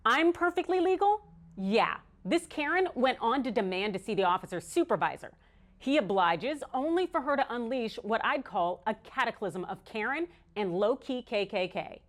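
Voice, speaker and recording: A woman's voice: a little high, lively intonation, normal speed, slight background noise. An American woman hosting a news show, delivering scripted opinion commentary in an emphatic, sardonic way. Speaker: online news show host.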